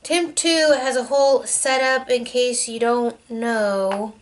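A woman's voice: a little high, steady tone, takes it slowly. A young woman chatting casually through a makeup vlog, rambling with lots of fillers. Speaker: beauty vlogger.

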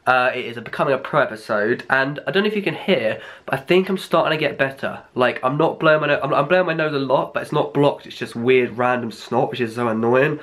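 A man's voice: medium pitch, quick pace, few pauses, a bit bright. A young man, rambling casually to the camera in a vlog, sounding a bit ill with a blocked nose. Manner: rambling, chatty. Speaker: vlogger.

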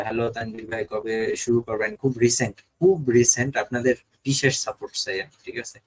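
Reading comments during a relaxed live stream, this young Bangladeshi ghost-hunting host keeps repeating "ঠিক আছে?" to his viewers. He has a Bangladeshi Bengali accent and a medium-pitched voice, captured in low-quality audio.

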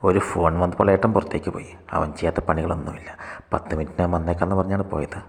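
Fast-paced male storyteller, very deep and gravelly, in a reverberant room. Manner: steady, quick read-aloud. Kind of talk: scripted story narration. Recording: long hall reverb.

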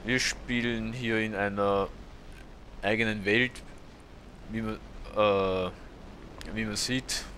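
A man's voice: lowish voice, fairly even intonation, slow, long pauses, pushed and bright, slight background noise. A man, casually commentating a video game as a let's play host, hesitant and full of fillers. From Austria. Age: 30s. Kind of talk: gameplay commentary.

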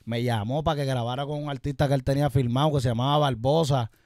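Swearing Puerto Rican rapper guest. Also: male voice, medium pitch, fairly even intonation, quick pace, darkish tone, no echo, studio quality. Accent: Puerto Rican Spanish. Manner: rambling, swears a lot, restarts. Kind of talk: casual chat.

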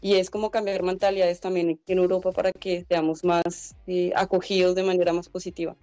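A young Colombian woman, the head of a migrant organization, answers a guest interview over a video call, her laptop webcam capturing her from a room at home. Her warm voice sits on the low side, level and a little fast; the recording is dry, the highs are cut off, and soft music plays underneath. She explains earnestly, leaning on many "eh" and "pues" fillers.

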